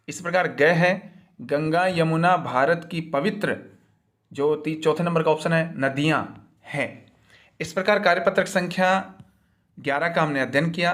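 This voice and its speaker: A man with a somewhat raised pitch talks through a worksheet lesson. He is patient and repeats each step as he goes. His voice is a voice-over laid over a screen video. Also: fairly bright tone. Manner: patient, repetitive step-by-step explaining. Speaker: teacher.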